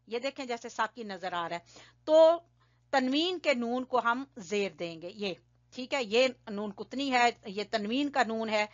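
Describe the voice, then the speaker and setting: A woman teaching Quran recitation, patiently explaining step by step, checking understanding and slowly chanting examples. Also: a little high, fairly bright tone. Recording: dull lo-fi audio.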